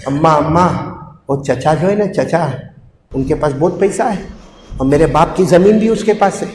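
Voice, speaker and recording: A man doing a meek eight-year-old orphan boy, hushed. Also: a little hiss or hum, lightly acted. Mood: earnest hushed. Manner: soft, low, hushed pleading. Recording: echoey hall with long reverb.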